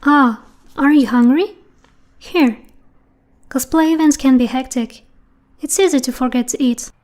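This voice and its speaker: A man voicing a friendly, cheerful young woman in a children's storybook, chatty and bright. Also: very high voice, unhurried, voice pushed up.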